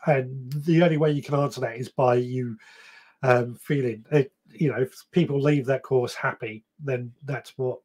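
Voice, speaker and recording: He is a podcast host in his thirties whose steady, mid-range voice is a little mellow and moves at a moderate pace. Streaming a gardening podcast live from a small indoor shed or room, he chats casually and at length, reads comments out loud, and often corrects himself.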